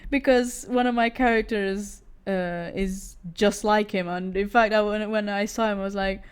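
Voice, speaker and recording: Young woman rambling on a drawing stream, lots of likes and restarts, giggly, mid pitch. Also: steady tone, normal speed, smooth. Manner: rambling, many fillers, stammered restarts, frequent laughs. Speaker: artist streaming while drawing. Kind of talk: casual chat while drawing.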